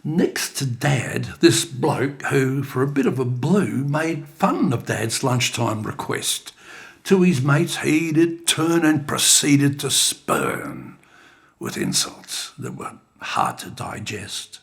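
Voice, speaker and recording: Gravelly older poet, lively delivery. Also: male voice, mid-range voice, takes it slowly. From Australia. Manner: expressive, dramatic recitation. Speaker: bush poet. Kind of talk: recited performance poetry. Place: creative studio.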